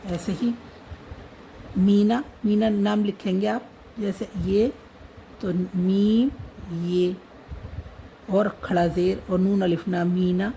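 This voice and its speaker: Woman teacher going letter by letter real slow, low gravelly voice, faint hiss behind. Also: fairly even intonation, dark tone, rough recording. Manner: spells out letters one by one, repeating words. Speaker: language teacher. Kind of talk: slow step-by-step writing lesson.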